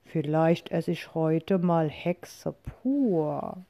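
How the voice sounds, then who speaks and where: A woman's voice: low-pitched, expressive, extremely slow, dark tone, heavily acted. A woman doing a greedy, boastful dragon. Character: greedy, boastful male dragon, cowardly at heart. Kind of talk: reading a rhyming picture book aloud.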